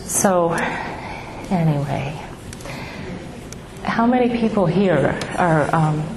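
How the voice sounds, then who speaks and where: A middle-aged speaker at a grief support gathering shares her personal story with listeners, stopping often, her delivery halting yet sincere. Though her soft, small voice, which she calls baby-like, sits on the low side, she sounds animated. The echoey room carries background noise.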